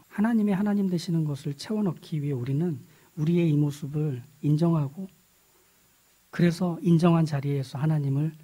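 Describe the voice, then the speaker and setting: A man pastor preaching a sermon in an earnest way, building to emphatic peaks and then dropping soft. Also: on the high side, slightly rough.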